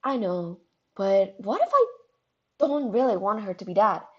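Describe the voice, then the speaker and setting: A woman playing a refined young troll lady who speaks in a lower, measured voice. Every word is enunciated carefully, with a calm, composed poise. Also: dull audio, close to an everyday voice.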